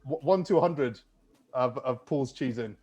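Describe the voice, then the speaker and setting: A man hosting a casual gaming podcast, chatty and quick to laugh. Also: medium pitch, warm tone, breathy edge.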